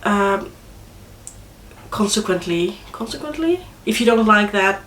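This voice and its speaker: Stuffed up with a cold, a young woman from the Netherlands chats to camera in a hesitant vlog, restarting often and using plenty of fillers in her Dutch accent. She sounds mid-range, expressive and fairly bright at a measured pace. The low-quality recording has an echoey room and a bit of hiss or hum.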